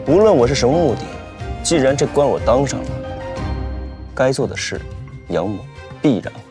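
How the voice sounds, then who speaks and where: Casting: actor as assertive, formal official in a period drama, medium-pitched, soft score behind. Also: male voice, lively intonation, moderate pace, over music, lightly acted. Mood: earnest. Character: self-assured, dryly assertive government official. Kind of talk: Chinese costume television drama acting.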